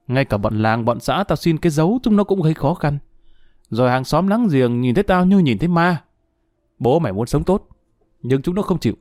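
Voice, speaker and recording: Guy doing an angry ex-con husband yelling and cursing, dark dry voice. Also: medium pitch, no room sound, lightly acted. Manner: shouting, rough and cursing. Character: hot-tempered ex-convict man, crude and threatening.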